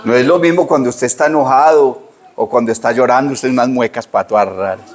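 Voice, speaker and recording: A middle-aged pastor delivers a sermon, telling folksy stories. His voice sits at a middle pitch but swings sharply upward when he mimics other people's words. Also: fairly quick. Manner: lively storytelling preacher, pitch leaps when quoting people.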